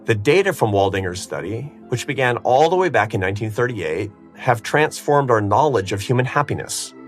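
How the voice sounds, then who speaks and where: A man's voice: medium pitch, expressive, fairly quick, soft background music. A man in his fifties co-hosting a podcast, talking in a candid, wry and emphatic way. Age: 50s. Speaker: podcast co-host. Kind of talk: conversational podcast interview.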